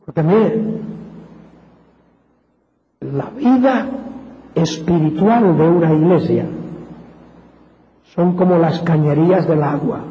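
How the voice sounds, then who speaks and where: A man from Spain with a Castilian Spanish accent, preaching a sermon in a fervent, slow and deliberate way that climbs to emphatic peaks. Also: a little high. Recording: echoey hall, dull lo-fi sound.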